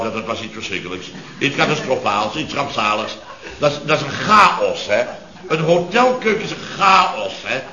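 Playing an exasperated chef in a radio comedy performed before an audience, this actor uses a fairly high, sharp, exaggerated voice. He blusters and repeats himself indignantly while describing disasters, captured on an echoey, dull old radio recording with audience noise.

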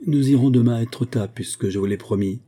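A man voicing an older princess and mother, dignified and stern yet tender, in a measured, serious tone. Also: mid-range voice, warm tone, breathy edge, natural voice. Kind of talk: audiobook character voice.

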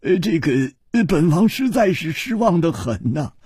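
A man's voice: fairly high pitch, big pitch swings, a little mellow, slightly rough, no room sound, clean studio sound, pitched above the performer's own voice, full character voice. A male storyteller voicing a pompous older king who hums and halts between phrases. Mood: hesitant. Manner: halting, full of hums and pauses.

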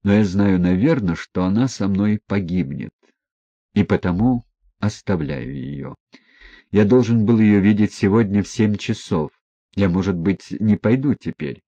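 Man as troubled gentle prince, low husky mellow voice, quiet earnest hesitant, dry dull audiobook recording. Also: no room sound. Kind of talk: audiobook reading.

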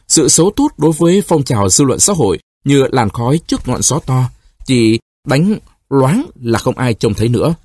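An older man , played by a male reader, tries to talk a young woman into his arms. He is coaxing and smooth, with a husky, close tone. Nothing in the room colors the voice. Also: medium pitch, a little mellow, no echo. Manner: coaxing, persuasive.

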